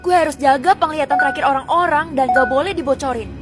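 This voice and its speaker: A woman's voice: sits high, fast talker. A woman narrating a cartoon story in a chatty, gossipy way. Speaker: voice-over narrator. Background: background music.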